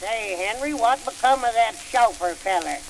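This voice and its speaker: A man's voice: extremely high pitch, animated, moderate pace. A man playing a folksy, nervous old uncle with a rural American drawl, in the style of an early 1900s comic sketch. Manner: rustic drawl, homespun exclamations. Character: folksy old country uncle, nervous, wide-eyed, chuckling. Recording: very noisy, crackling antique record.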